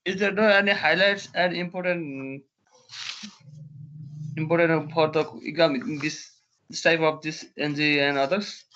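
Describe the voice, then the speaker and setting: A man's voice: fairly high pitch, steady tone, a little slow, long pauses, bright, forceful tone. A man speaking as a student, putting a question to the teacher in class. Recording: dull lo-fi classroom sound.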